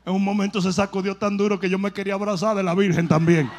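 A man's voice: high-pitched, level tone, fast, darkish tone, big-room sound. A male pastor preaching a sermon with comic storytelling and emphatic delivery.

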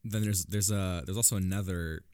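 A man chatting casually about a film as a podcast co-host, animated and laughing often as he acts out quotes. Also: low voice, normal speed, clean tone, dry recording, studio quality.

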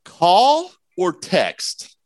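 A man hosting a casual talk show, upbeat and playful as he asks quick questions. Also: high voice, wildly swooping pitch, dry recording. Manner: upbeat, playful quiz asker. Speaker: host.

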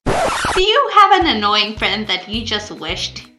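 A woman on a tabletop game podcast reading a mock charity announcement with deadpan dark humor. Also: mid-range voice, takes it slowly, echoey room, music in the background. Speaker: podcast player.

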